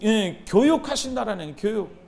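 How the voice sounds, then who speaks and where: A man in his thirties preaching a sermon as pastor, animated, calling out to his congregation and waiting for replies. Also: sits high, moderate pace, creaky. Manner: animated, call-and-response with the congregation.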